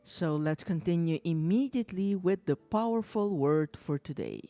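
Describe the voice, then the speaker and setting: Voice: mid-range voice, animated, moderate pace, mellow, no echo. A co-host of a wellness talk show, speaking in a reflective way and often repeating phrases. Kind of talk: casual talk show chat.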